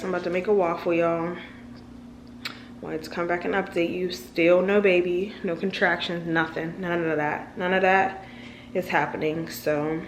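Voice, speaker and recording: A woman's voice: fairly low pitch, slight background noise, rough recording. A young American woman chatting informally to the camera, using slang and repeating phrases for emphasis. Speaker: vlogger. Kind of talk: casual chat to the camera.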